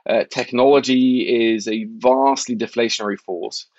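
A man from Norway talks markets in an articulate, wry, measured way. His voice sits in the middle range and sounds dry, with a slightly dull, muffled quality to the recording. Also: mid-range voice, fairly even intonation, darkish tone, no room sound. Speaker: markets journalist guest. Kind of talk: conversational interview.

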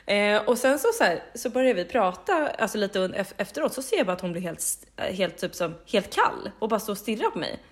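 A woman co-hosting a casual podcast, telling a lively story, quoting others in animated voices, laughing and swearing casually. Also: mid-range voice, few pauses. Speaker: podcast co-host.

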